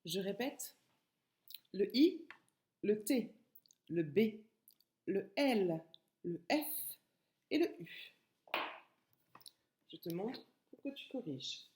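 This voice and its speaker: Slow, patient woman teaching phonics. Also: mid-range voice, animated, a little mellow. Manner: slow, patient, repeats and stretches sounds. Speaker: kindergarten teacher. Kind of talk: remote phonics lesson for a young child.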